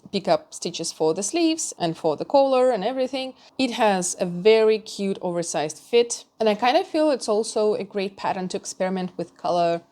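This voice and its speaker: A woman's voice: fairly low pitch, a little mellow. Chatty woman reviewing knitting patterns. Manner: chatty, candid, with small laughs and restarts.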